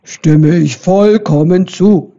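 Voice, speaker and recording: A gruff storybook boar grunts out his complaints in a lowered, slow voice, as a woman puts him on. He sounds a little distant. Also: warm tone. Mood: grumbling.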